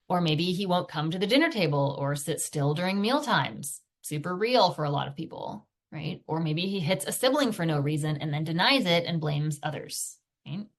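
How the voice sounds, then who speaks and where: A woman parenting coach teaching a video lesson in a conversational way, often checking in with her listeners. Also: on the low side. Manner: acts out quoted phrases parents say to their sons.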